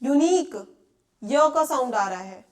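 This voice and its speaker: Young Indian woman teacher, high voice, patient explainer who keeps checking the class understands. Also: a little slow. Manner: explains patiently, asks checking questions often. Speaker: English teacher. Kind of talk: classroom lecture.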